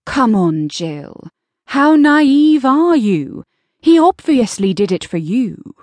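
A brash young sister with a bright, raised voice and a teasing, pushy edge, her pitch swinging up and down as she needles in a woman narrator's reading. The lines are unhurried and recorded close and dry, as in an audiobook studio. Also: sing-song, no echo. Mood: coaxing. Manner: pushy, playful and matter-of-fact. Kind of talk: audiobook dialogue.

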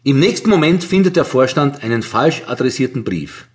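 A man's voice: mid-range voice, animated, normal speed. Man narrating with a Viennese accent. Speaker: audiobook narrator. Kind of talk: scripted narration.

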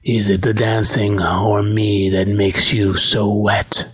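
Man playing a stern dance instructor, commanding, unaffected, low, husky, audiobook. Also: flat delivery, takes it slowly, no room sound, studio quality, heavily acted.

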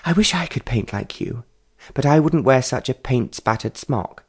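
A man's voice: mid-range voice, lively intonation, moderate pace, breathy edge. A man voicing a pretty young society woman who is dreamy and lovestruck, talking in a gushing, sighing way.

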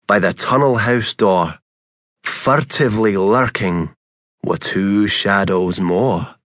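A man narrating a children's picture-book audiobook in rhyme. His reading is unhurried, with a rhythmic, sing-song lilt that swoops up and down. The studio sound is dry and close. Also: fairly low pitch, a bit bright, no echo.

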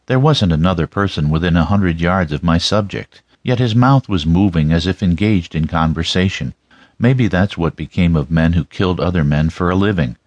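Very low-voiced male audiobook narrator. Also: normal speed, darkish tone, dry recording, highs cut off. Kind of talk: scripted first-person crime story narration.

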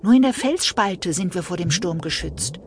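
A woman's voice: lowish voice, expressive, slight background noise, pitched above the performer's own voice. A woman reading a storybook, voicing a small striped fish who urges a friend to hurry home. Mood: urging. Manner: pressing, hurried.

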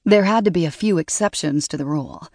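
A woman narrating an audiobook in a measured, steady way, recorded close on a studio mic. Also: low-pitched, dry recording. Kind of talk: scripted narration.

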